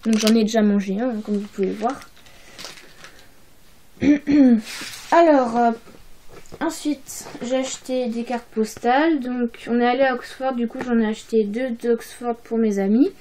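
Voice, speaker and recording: A woman's voice: on the high side, fairly even intonation, measured pace, long pauses, dark tone, a little hiss or hum. A young woman presenting her holiday purchases in a casual haul video, hesitant and full of fillers and restarts. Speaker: vlogger.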